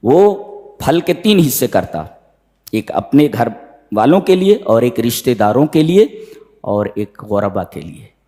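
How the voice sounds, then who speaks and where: A man preaching a sermon, reciting Arabic verses and explaining them with dramatic swings in pitch. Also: big pitch swings, slow, warm tone. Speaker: preacher giving Quran commentary. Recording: long hall reverb.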